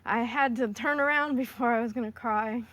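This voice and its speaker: A woman, a rescue volunteer, telling a story in an even, reflective way in a documentary interview. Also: a little high, normal speed, no echo.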